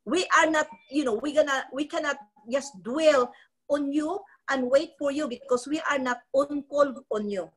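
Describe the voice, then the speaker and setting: On a rough recording, a middle-aged Filipino woman with a high voice talks at a normal pace, training people in network marketing via a live video call. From her ornate living room, phone close to her mouth, she sounds preachy, repeating herself and restarting phrases.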